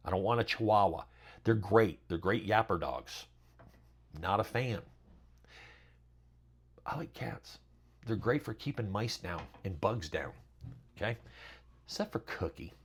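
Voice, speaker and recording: A man's voice: on the low side, expressive, a little slow, long pauses, slightly rough. A middle-aged man hosting a casual how-to talk, rambling with lots of fillers and chatty asides. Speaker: channel host.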